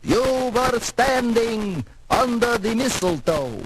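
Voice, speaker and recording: A man's voice: very high voice, animated, slow pace, background noise, heavily acted. A man playing a jolly, macabre vampire count with a courtly, theatrical manner on a 1960s comedy record. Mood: jolly greeting. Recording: old record with loud music behind.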